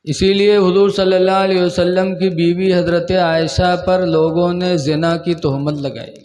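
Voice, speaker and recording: A man's voice: flat delivery, darkish tone, big-room sound. A man preaching a sermon as a mufti, telling stories with emotion and quoting the people in them. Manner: emotional storytelling, voices quoted figures with rising pitch. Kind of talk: sermon storytelling.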